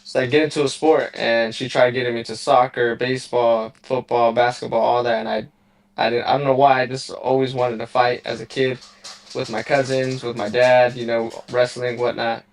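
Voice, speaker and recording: A man's voice: medium pitch, little pitch movement, normal speed. A young man from Southern California, a boxer answering interview questions in a laid-back, rambling way with lots of fillers over a remote call. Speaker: boxer guest. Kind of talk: casual interview.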